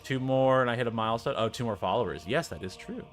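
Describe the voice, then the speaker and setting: A man's voice: mid-range voice, fast talker. A man doing casual game commentary between bits of read-aloud dialogue, with playful, self-deprecating and sometimes profane asides.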